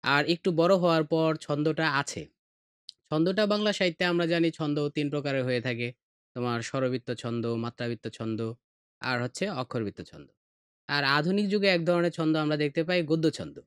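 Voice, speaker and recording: A middle-aged man with a Bangladeshi Bengali accent, teaching poetry meter on a podcast in a slow, patient way and reciting verses with feeling. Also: fairly high pitch, a bit bright, smooth, no echo, studio quality. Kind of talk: explanatory lesson podcast.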